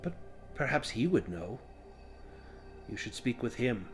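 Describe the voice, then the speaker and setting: Man as goblin underling, servile, sly, halting speech, deferential, evasive, tabletop fantasy game, music behind. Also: mid-range voice, sing-song. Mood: meek, evasive. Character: servile cave-dwelling goblinoid slave, sly and timid.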